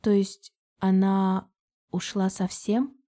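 A woman's voice: mid-range voice, little pitch movement, slow, dark tone, close to an everyday voice. A woman voicing an anxious young female friend who speaks in a worried, hesitant way.

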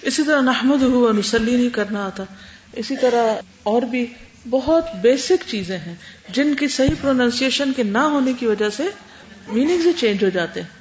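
A woman's voice: a little high, animated. A woman teacher lecturing her class, explaining points in short lists and rhetorical questions. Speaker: religious studies teacher. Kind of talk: classroom lecture answering students. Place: lecture room. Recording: roomy classroom, dull sound, faint hum.

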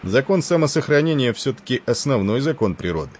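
A man voicing a gruff, pompous older male admiral. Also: mid-range voice, big pitch swings, a little fast, slight background noise, pitched above the performer's own voice, close to an everyday voice.

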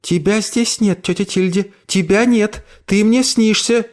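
A frightened young woman in a storybook, hushed and faltering, her voice raised high. A man acts her out in a soft, pleading tone. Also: normal speed.

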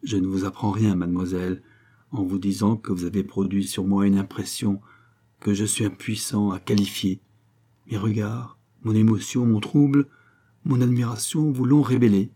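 Guy reading a jittery young count, eager, pleading, kinda husky low voice. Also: fairly even intonation, normal speed, warm tone, close to an everyday voice. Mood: earnest. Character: nervous young male count, earnest suitor.

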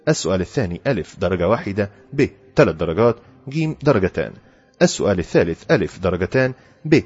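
Egyptian man, low husky voice, wry first-person audiobook narrator. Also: a little mellow. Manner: wry, humorous storytelling. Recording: dull lo-fi audio with faint background music.

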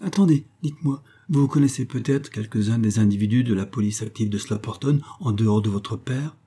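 A man reading aloud and voicing a weary, courteous imprisoned gentleman who questions gently. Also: fairly low pitch, a little fast, husky. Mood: anxious.

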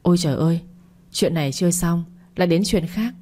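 A woman's voice: fairly low pitch, brisk, darkish tone, close to an everyday voice. A woman narrator voicing a scheming, self-pitying middle-aged mother, complaining and pleading.

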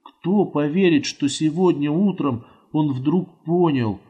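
A man narrating an audiobook in a steady, unhurried reading voice. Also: on the high side, husky, lo-fi sound.

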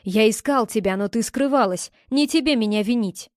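Audiobook role: a woman voicing a young man, a pleading ex who turns curt, in a fairly high, dry-sounding voice. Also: normal speed, darkish tone, no room sound, close to an everyday voice. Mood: defensive. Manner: pleading, then curt and defensive. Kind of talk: audiobook character reading.

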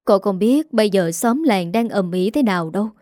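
A woman's voice: medium pitch, lively intonation, normal speed, dark tone, no echo, studio quality, lightly acted. A woman voicing an aging village mother who is tearful and bitterly complaining.

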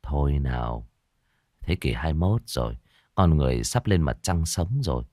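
A man voicing a calm young man who speaks softly and coaxingly to his frightened girlfriend. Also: extremely low pitch, normal speed, no room sound, studio quality, pitched below the performer's own voice. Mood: soothing. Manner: soft, hushed, coaxing.

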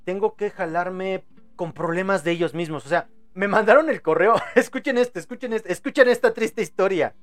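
A young man with a Mexican accent and a high voice rambles through a live podcast chat, looping on repeated words and crude slang. Faint music plays underneath. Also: a little fast. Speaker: podcast host.

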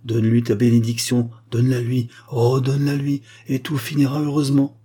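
A man's voice: mid-range voice, moderate pace, mellow, slightly rough, lightly acted. A man reading aloud gives voice to a distraught noble mother who pleads and exclaims. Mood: pleading. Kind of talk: audiobook dialogue reading.

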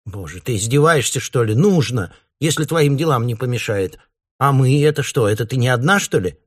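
A man's voice: mid-range voice, animated, moderate pace, voice pushed up, lightly acted. A man voicing an older mother, a pensioner who fusses, scolds and teases her daughter. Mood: fussing. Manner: fussy, scolding, teasing. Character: chatty grumbling older woman, a pensioner mother.

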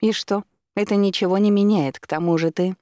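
A man voicing a spoiled, hysterical rich young woman who talks in a shrill, indignant way. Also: a little fast, mellow, no room sound, clean studio sound. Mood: sneering.

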